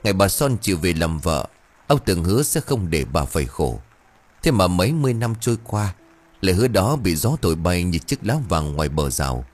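A man narrating a sad audiobook story in a somber, mournful tone. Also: low voice.

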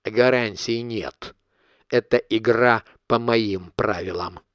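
A man's voice: on the low side, slow pace, no echo. A man reading an audiobook voices a cold, calculating middle-aged blackmailer who dictates his terms in a cool, clipped manner.

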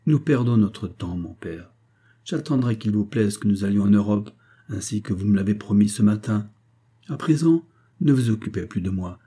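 A sorrowful young wife from an audiobook, quiet and dignified in her despair, as a male reader puts her on. The voice stays dark and husky, low for the part. Her delivery is subdued and weary. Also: lively intonation, moderate pace. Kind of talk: audiobook character reading.

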